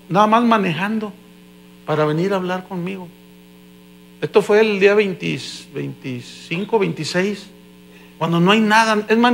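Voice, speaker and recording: A man with a Mexican Spanish accent preaches in a high, bright voice. He tells his stories in an animated way, rising to loud emphasis and then dropping to hushed asides. A faint electrical hum sits under the recording. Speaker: pastor. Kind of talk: sermon.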